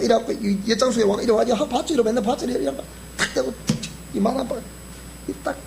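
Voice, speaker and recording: Male pastor, Gyeongsang accent, sermon delivery with a swooping, highly expressive pitch. He quizzes the congregation, with faint hiss underneath. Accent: Gyeongsang Korean. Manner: animated, keeps quizzing the congregation. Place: church sanctuary.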